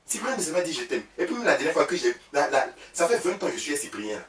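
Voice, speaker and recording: A man's voice: on the high side, fast, far from the mic. A man playing a chatty, boastful woman who gossips about her husband, with an Ivorian French accent, in a comic sketch. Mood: gossipy. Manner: gossipy, animated, loud outbursts. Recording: roomy, from off-mic, faint background.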